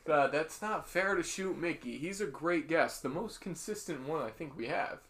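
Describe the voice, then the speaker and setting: A man's voice: on the high side, lively intonation, moderate pace, fairly bright tone. A young man co-hosting a podcast, chatting casually and teasing his friend. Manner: teasing, joking banter. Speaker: podcast co-host. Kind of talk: casual chat.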